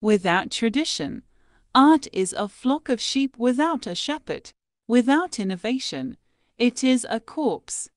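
The quote reader is a woman who delivers her scripted lines slowly, with pauses separating each phrase. Her somewhat high voice is animated and moves up and down considerably. There is no room sound; the audio is dry and close.

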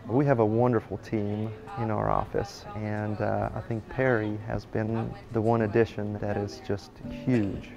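A man from Slovakia talks earnestly about his work as a legislative photographer in a documentary interview. His voice has a gravelly edge and stays quite flat in pitch. The sound is a little dull, with music playing beneath. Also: measured pace, few pauses.

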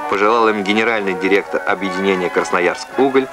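Over loud music on an old film soundtrack, a man reads scripted narration in the style of an old Soviet newsreel. His voice sits low and he speaks fast.

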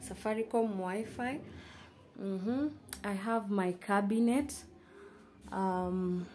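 Give me a young Kenyan woman chatting slowly through a house tour, mid pitch. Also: darkish tone, slight background noise. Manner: chatty, slow and halting with many fillers. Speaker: vlogger. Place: small studio apartment indoors. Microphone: handheld phone camera, speaker off screen.

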